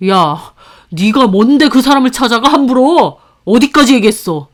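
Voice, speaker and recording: A woman voicing a deceitful, obsessive middle-aged husband who snaps and shouts defensively. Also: medium pitch, normal speed, close to an everyday voice. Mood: angry.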